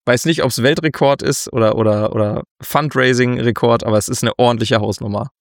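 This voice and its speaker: A man co-hosting a casual board game news podcast, relaxed and chatty, laughing often. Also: mid-range voice, a little fast, no room sound, clean studio sound. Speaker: podcast co-host.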